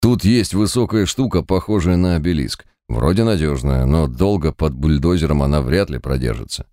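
A man's voice: a bass voice, lively intonation, normal speed, dark tone, no echo, studio quality. A man doing a puzzled, impatient gamer. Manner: impatient, questioning. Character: puzzled male gamer waiting for answers.

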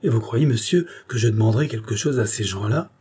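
A man's voice: lively intonation, a little fast, darkish tone, husky. A man reading aloud, voicing a proud, frightened queen who speaks haughtily and indignantly. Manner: haughty, indignant, rising pitch.

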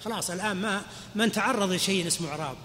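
Man teaching a class, clear bright tone, faint background noise, lecture in a hall. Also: high voice, rapid-fire. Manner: explains patiently, quizzes the class with questions. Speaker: sheikh teaching Arabic grammar.

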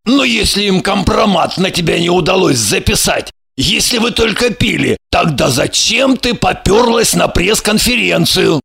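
A man playing a flustered, jealous male manager who shouts and then mumbles in bewilderment. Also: high-pitched, expressive, moderate pace, creaky, slightly rough, exaggerated voice. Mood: flustered angry.

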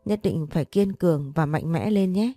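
Woman doing a dead old dad's spirit, soft and grieving, low mellow voice, story audio. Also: moderate pace, no room sound, clean studio sound, soft background music. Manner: pleading, fatherly. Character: dead father, older man, tender and grieving.

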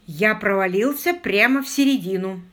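A woman's voice: mid-range voice, moderate pace, fairly bright tone, close to an everyday voice. A woman reading the part of an aristocratic man stuck in a bog, calling out urgently. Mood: calm urgency. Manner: raised calling voice. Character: gentle aristocratic man sinking in a bog, calm then pleading.

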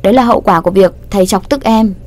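A feisty teenage schoolgirl from a storybook, quick to flare up and talk back, played by a woman reading aloud. Her voice sits higher and sharper than the narration around it. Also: close to an everyday voice. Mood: flustered. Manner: indignant and sharp-tongued.

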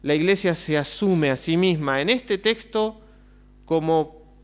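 A man with a Rioplatense accent preaching a sermon as pastor, measured and full of rhetorical questions. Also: a little high. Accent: Rioplatense Spanish.

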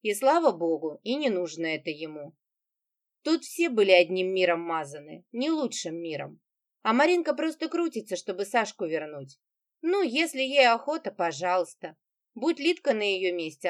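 A woman narrating an audiobook, giving each character's lines lively shifts in pitch. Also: normal speed.

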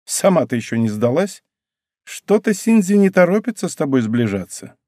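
A man's voice: fairly high pitch, very animated, moderate pace, darkish tone, dry recording, clean studio sound, voice pushed up. A man voicing an ironic young woman who talks in a wry, teasing way.

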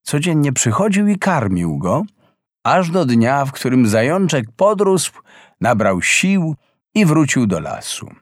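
A man narrating a fairy tale in an expressive, unhurried reading. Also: medium pitch, no echo, clean studio sound. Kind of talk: storybook narration.

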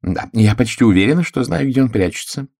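A bossy, know-it-all sister of middle age who scolds and insists on her theories, as a male audiobook narrator puts her on. The voice is pushed well above his own low register and keeps a gravelly, husky edge. It is a storybook reading in a dry, close room. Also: expressive, fairly quick, darkish tone, dry recording. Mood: insistent.

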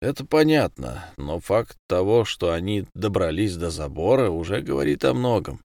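A man's voice: low-pitched, sing-song, moderate pace, gravelly, a little mellow, no room sound, studio quality, heavily acted. A man voicing a cold, calculating prison gang boss who speaks in terse commands. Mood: commanding.

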